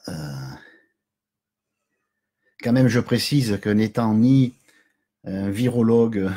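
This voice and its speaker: A middle-aged man hosts a casual live stream from his home, chatty and jokey, greeting viewers and chuckling often. His voice is on the low side, warm and husky.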